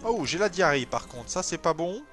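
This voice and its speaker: A man giving casual commentary while playing a strategy game, thinking aloud with many hesitations and sudden excited bursts. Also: a little high, normal speed, faint music behind. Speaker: let's play gamer.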